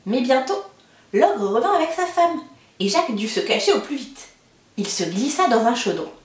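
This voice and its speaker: Woman teacher, storybook read-aloud for kids, expressive and lively, roomy sound from afar. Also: on the high side, normal speed. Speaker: teacher reading to children. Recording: roomy, mic far off.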